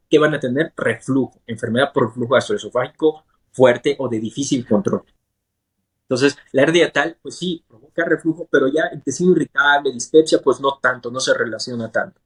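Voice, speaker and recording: Husky-voiced male surgeon explaining patiently. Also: a little high. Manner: patient and teacherly, often checks understanding with a quick question. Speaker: gastrointestinal surgeon, guest. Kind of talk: explaining medicine in plain terms in an interview.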